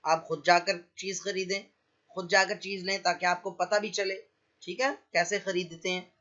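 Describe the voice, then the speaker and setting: A man's voice: sits high, little pitch movement, normal speed, bright, forceful tone, dull audio. Man teaching a computer class. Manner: explains step by step, often says "acha ji". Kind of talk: screen-share tutorial.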